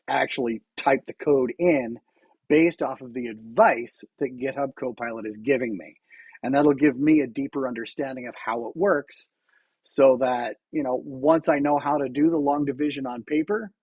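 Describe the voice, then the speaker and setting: A man's voice: mid-range voice, darkish tone, breathy edge, no echo, muffled recording. A man streaming his coding work, talking through it casually while typing, often restarting his sentences. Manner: thinks aloud while typing, with frequent restarts and fillers. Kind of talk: casual live-coding commentary.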